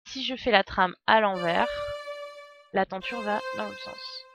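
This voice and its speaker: A game streamer with a cold thinks aloud during casual live game commentary, tossing in chatty asides to her viewers. Her mid-range voice is gravelly and a little slow, with faint game music in the background.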